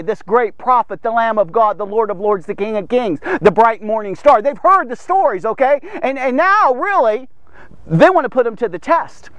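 A man hosting a Bible devotional podcast, teaching in a casual, jokey and energetic way and repeating words for emphasis. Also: very high-pitched, dry recording. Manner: energetic, jokey and conversational, with many asides to listeners.

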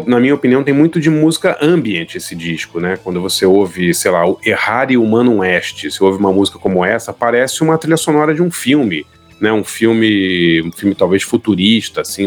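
Man, co-host, thoughtful, hesitant, fairly low voice. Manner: thoughtful, hesitant, many fillers and restarts. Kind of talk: casual chat about music.

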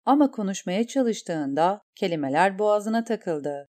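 Mellow woman reading a fantasy novel. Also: medium pitch, expressive, measured pace. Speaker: audiobook narrator. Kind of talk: scripted narration.

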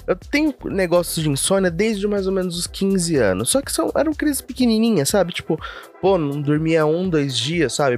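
A young man from Brazil with a Brazilian Portuguese accent, telling a personal story in a chatty, self-mocking vlog monologue full of asides. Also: fairly high pitch. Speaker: vlogger. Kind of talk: casual confessional monologue.

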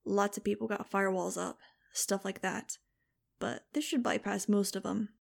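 A woman's voice: mid-range voice, fairly even intonation, moderate pace, creaky. Woman reading a paranoid hacker dude, slangy and chill. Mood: wary. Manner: casual slangy drawl. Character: paranoid young male hacker, laid-back.

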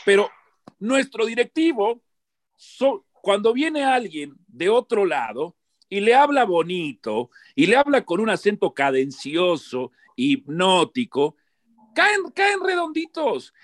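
A man's voice: sits high, big pitch swings, slow pace. A man giving heated, emphatic football commentary on a panel, often repeating himself as he argues. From born outside Mexico. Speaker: football pundit.

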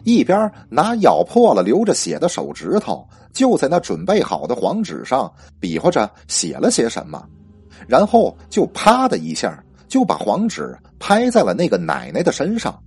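A man narrating a ghost story with lively spoken storytelling and a husky voice. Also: mid-range voice, moderate pace.

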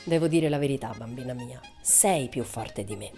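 Woman doing a slow gruff old sea captain. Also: rumbling low, mellow, soft background music, pitched below the performer's own voice. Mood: hearty.

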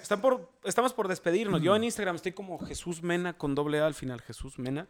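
A man's voice: high voice, quick pace. A young man from Matamoros with a Mexican accent, hosting a casual, joking podcast full of slang. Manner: joking, slangy, laughs often. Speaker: podcast host. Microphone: camera.

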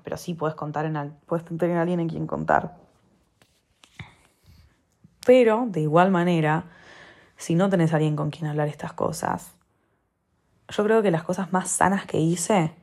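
Low husky-voiced Rioplatense young woman. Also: darkish tone. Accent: Rioplatense Spanish. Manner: candid, rambling, repeats phrases for emphasis. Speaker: vlogger giving advice. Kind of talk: casual confessional talk to camera.

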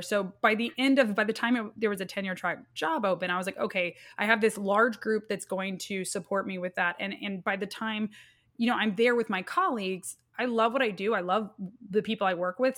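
A woman in her thirties, a guest speaking earnestly and haltingly as she recounts a personal loss. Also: mid-range voice, fairly bright tone. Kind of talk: emotional personal storytelling.

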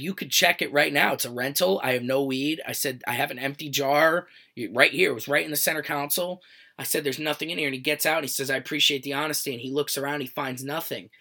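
A man's voice: fairly high pitch, creaky, sharp tone. A man telling a profane story as a comedian, acting out dialogue and swearing freely in exasperation.

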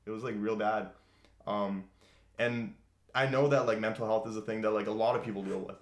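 Speaking a little fast in a steady, lowish voice, an Austrian man in his twenties hosts a podcast. The chat is casual and unfiltered, heavy on "like" and swearing, and the room is echoey.

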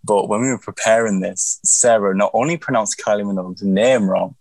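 A man with a fairly low voice, recorded dry with no room around it. He banters casually as a co-host, teasing in a mock-serious way. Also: fairly quick, darkish tone, dry recording, rough recording.

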